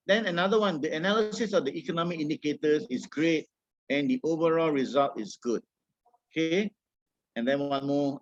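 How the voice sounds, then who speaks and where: Singaporean man, slightly high-pitched, coaching informally. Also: muffled recording. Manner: colloquial Singlish with tags like "all right" and "lah". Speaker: forex trading coach. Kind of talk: informal webinar presentation with audience questions.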